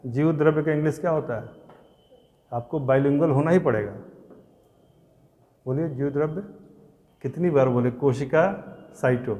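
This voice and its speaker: Male classroom teacher, mid pitch, drills terms, quizzes and scolds, reverberant room. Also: dark tone. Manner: repeats terms slowly, quizzes and scolds students. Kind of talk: classroom lecture to exam students.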